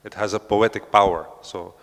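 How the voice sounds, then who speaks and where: A Belgian researcher speaks off the cuff to a panel audience in the big hall of an art centre, his low voice moving at a moderate pace with a fairly flat melody. He hesitates often, with "uh" and "um", restarted sentences and non-native phrasing. The hall lends his voice a long reverb.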